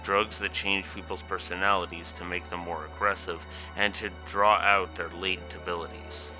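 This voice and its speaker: A man reading the lines of a serious adult male former soldier in a steady, measured way. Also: low-pitched, music in the background, lightly acted. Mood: grave.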